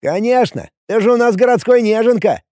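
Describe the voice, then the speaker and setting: A man's voice: medium pitch, lively intonation, moderate pace, gravelly, mellow, no echo, studio quality. A man voicing a cocky male goblin soldier who talks in a sneering, jeering way. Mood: mocking.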